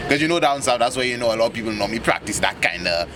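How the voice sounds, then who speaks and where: Fast, lively Saint Lucian man outdoors. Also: medium pitch. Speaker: street interviewee. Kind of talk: casual street opinion. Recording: noisy street with vehicles.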